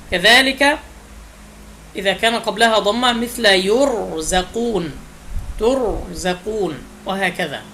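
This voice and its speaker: A man teaching Quranic recitation rules, explaining step by step and slowing down to recite each example. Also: high voice, sharp tone, slight background noise, poor audio. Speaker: tajwid teacher.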